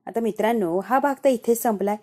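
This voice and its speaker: A woman's voice: fairly high pitch, a little fast, a little mellow. A woman narrating a conversational recap of a television episode as a voiceover, often asking the listener questions. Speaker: serial episode reviewer. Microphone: voiceover microphone.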